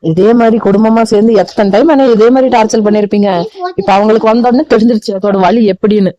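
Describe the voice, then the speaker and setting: A performer voicing a rapid-fire scolding young woman. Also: medium pitch, steady tone, warm tone, no room sound, highs cut off, natural voice. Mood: reproachful. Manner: rapid, reproachful.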